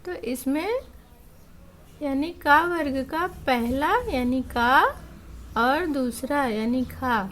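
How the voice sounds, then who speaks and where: A woman's voice: high voice, slow pace, fairly bright tone, a little hiss or hum. A woman teaching a grammar lesson, explaining patiently and repeating each point step by step.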